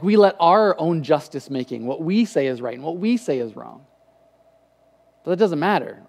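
A pastor in his thirties, voice a touch higher than most men's, gives a casual, conversational sermon on a church stage with a lit patterned backdrop. Speaking into a headset mic, he gestures animatedly and often restarts phrases. A long hall reverb trails his words.

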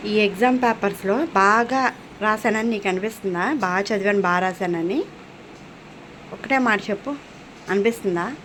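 A woman's voice: mid-range voice, a little hiss or hum, rough recording. A woman in her thirties with a Telugu accent, a mother vlogging at home, questioning her child sternly and explaining things to viewers. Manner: stern, questioning, rising to loud scolding. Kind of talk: home vlog, scolding child and addressing viewers.

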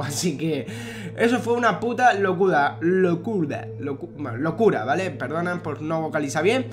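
A young man with a Spain Spanish accent, excitedly talking over a replay of his video and swearing a lot. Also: high voice. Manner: excited, swearing, repeats himself. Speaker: youtuber narrating a replay. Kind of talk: casual commentary with swearing.

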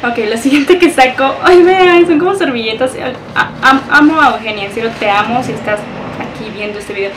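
A woman's voice: fairly high pitch, fairly quick, recorded from a distance, noisy background. A young woman with a Mexican accent, gushing and emotional as she unboxes a package for her vlog. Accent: Mexican Spanish. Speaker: beauty vlogger.

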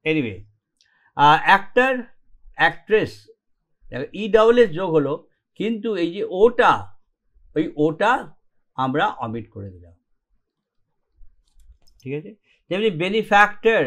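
Fairly high in pitch and fairly bright in tone, a man's voice leads an online English grammar lesson in Bengali. He explains gradually and often asks if the class is following along.

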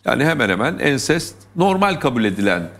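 A man hosting a television talk show, asking probing questions and reasoning aloud with pauses. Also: mid-range voice, sing-song, fairly bright tone. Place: television studio.

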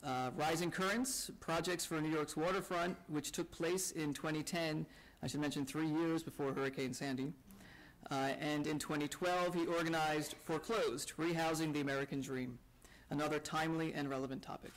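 A man with a somewhat high voice introduces a speaker at a lecture event. He reads a formal prepared text from the podium. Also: fairly even intonation, moderate pace, low-quality recording. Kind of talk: scripted introduction. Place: lecture hall.

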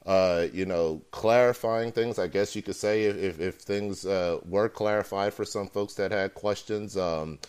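A male host of a live talk show with a somewhat low, smooth voice. He talks hesitantly and fills his pauses with ums and uhs. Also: fairly even intonation, darkish tone.

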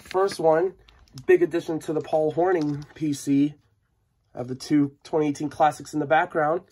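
A man with a stuffy, sniffling head cold hosts a casual unboxing vlog, talking with mild excitement. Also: fairly high pitch, normal speed, a little hiss or hum, rough recording. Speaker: host of a sports card unboxing channel. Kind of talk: casual mail-day vlog narration. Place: indoor room at a tabletop.

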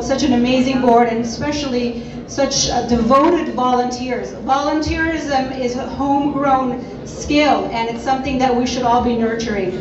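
Woman, event host, gracious and fluent, fairly high voice, far from the mic in an echoey hall, dull sound, crowd behind. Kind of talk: event emcee remarks.

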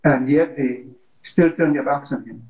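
A man's voice: medium pitch, a little slow, darkish tone, dull audio. A man telling an earnest story in a church Bible study discussion, often repeating words, recorded by a far camera in a meeting room. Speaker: class member.

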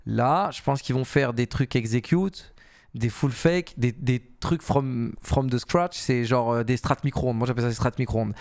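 A young man streaming a casual reaction, talking in a slangy, excitable way with frequent exclamations and repeats. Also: mid-range voice, normal speed, no echo, studio quality. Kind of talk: casual live reaction commentary.

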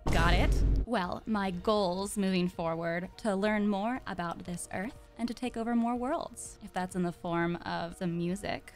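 A woman streaming in character as a demon monarch, talking in a playful, teasing, giggly way. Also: mid-range voice.

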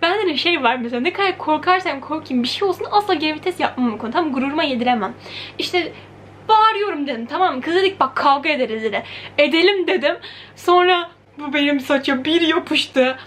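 A young woman telling a story in a casual vlog, animated and chatty, acting out quoted lines. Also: sits high, a little fast, a little hiss or hum. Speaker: vlogger. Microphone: camera mic.

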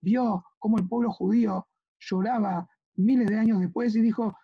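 Through dull audio comes a high-pitched, slightly rough male voice, steady and at normal speed, with an Argentine Spanish accent. He is a rabbi teaching an earnest religious lesson with slides, frequently checking that listeners follow and agree.

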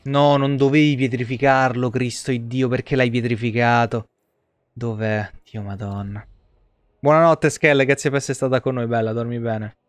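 A video game streamer in his thirties talks at normal speed in a steady, medium-pitched voice, with no room sound. Sitting at his streaming desk indoors, he grumbles and swears while chatting casually through live gameplay commentary.

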